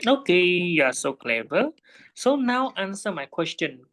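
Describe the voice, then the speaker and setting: A man's voice: high voice, very animated, a little slow, a bit bright. A man tutoring a student one-on-one in physics, patiently checking her understanding with frequent tag questions.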